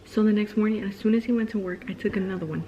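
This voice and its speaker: A woman's voice: mid-range voice, rapid-fire, mellow. A young woman vlogger chatting casually, telling a personal story with lots of "like" and acted-out quotes. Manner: chatty, heavy use of "like", acts out quotes. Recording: slightly dull, faint background noise.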